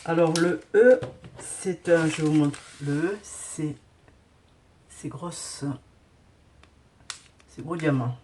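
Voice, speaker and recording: A woman's voice: low voice, takes it slowly, pauses often, mellow, slight background noise. A woman hosting a casual craft tutorial who hesitates often with fillers while she sorts beads and talks to viewers.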